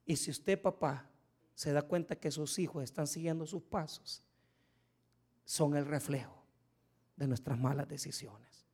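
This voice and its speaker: A middle-aged man preaching a sermon as pastor, swinging from soft speech to loud shouts. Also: fairly high pitch, unhurried, pauses often.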